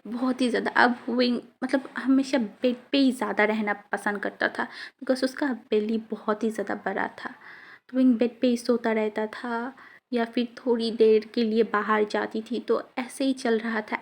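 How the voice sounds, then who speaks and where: A woman's voice: on the high side, fairly even intonation, normal speed. A woman casually retelling a fan fiction story, chatty and mixing in English words.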